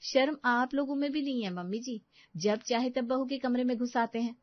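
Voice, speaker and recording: Cartoon role: a woman playing a scheming young bride, bright and high, loud and mouthy. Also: moderate pace, dry recording, lightly acted. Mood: sassy. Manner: loud, sassy, talks back. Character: cheeky scheming young daughter-in-law. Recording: dull dry lo-fi recording.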